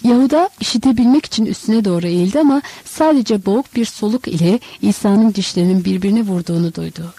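A woman reading a novel aloud as audiobook narrator, measured and expressive. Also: mid-range voice, husky, no room sound.

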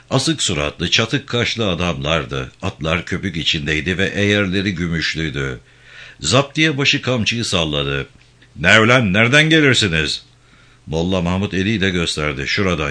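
A man with a lowish voice reads a novel aloud, steady and measured. His tone is bright and forceful rather than soft. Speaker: audiobook reader.

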